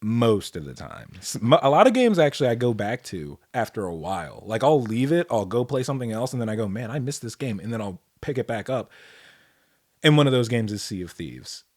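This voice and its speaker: A young man co-hosting a casual podcast, calmly explaining games and trailing off quietly. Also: medium pitch, fairly quick. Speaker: podcast co-host. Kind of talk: casual chat.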